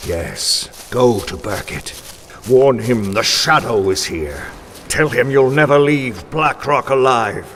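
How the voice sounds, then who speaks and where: An actor playing a menacing, commanding invisible avenger in a 1940s-style radio drama, theatrical and ominous. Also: male voice, mid-range voice, lively intonation, slow, a bit bright, a little hiss or hum.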